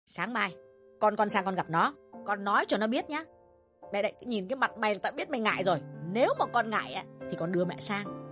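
A woman voicing a bossy middle-aged mother who scolds her grown son in rapid, shrill tirades in an audio drama. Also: animated, fairly bright tone, soft background music, natural voice. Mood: furious.

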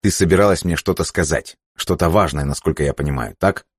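A man reading an audiobook voices a furious, ruthless male leader who barks orders in a raised, sharp voice. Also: rumbling low, brisk, husky, dry recording, studio quality. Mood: tense.

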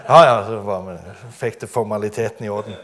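A man's voice: on the low side, fairly even intonation, a crowd in the background. A man giving a testimony sermon, telling his story dramatically and often laughing.

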